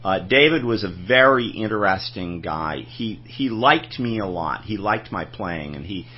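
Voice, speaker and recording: A man's voice: on the low side, animated, measured pace, husky, highs cut off. A man telling anecdotes in a casual interview, rambling and restarting his sentences. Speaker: film collector guest.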